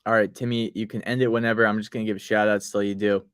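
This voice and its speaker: A man's voice: on the low side, level tone, fast talker, a bit bright, smooth, no room sound, clean studio sound. Laid-back man, light Boston accent. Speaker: co-host. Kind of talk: casual podcast chat.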